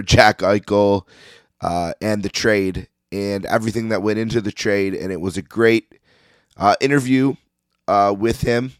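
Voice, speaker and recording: A man hosting a sports podcast in a casual, opinionated monologue, his voice slightly hoarse as if he is losing it. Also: fairly low pitch, no room sound, studio quality. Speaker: podcast host.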